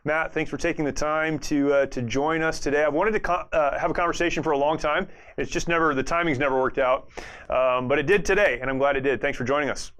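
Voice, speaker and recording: Male podcast host, friendly and casual, smooth resonant voice. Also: fairly high pitch, steady tone, quick pace, a bit bright. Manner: friendly, conversational, with fillers. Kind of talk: casual interview hosting.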